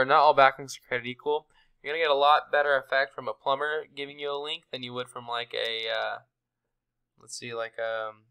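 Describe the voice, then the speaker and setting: A man's voice: mid-range voice, sharp tone, clear, resonant tone, poor audio. A young man from Texas walking a client through website marketing tips in a casual, friendly screen-share, with fillers. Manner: friendly, conversational, many fillers.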